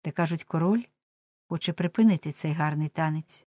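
A woman's voice: sits low, normal speed, a little mellow, dry recording, clean studio sound, close to an everyday voice. A woman reading a bold young jester's warnings. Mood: urging. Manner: pleading, urgent, mocking warnings. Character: bold young male jester, prophet of doom.

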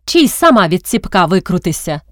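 A woman voicing a sharp-tongued young village girl who mocks and needles. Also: fairly low pitch, big pitch swings, fairly quick, dry recording, clean studio sound. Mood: mocking. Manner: mocking, jabbing.

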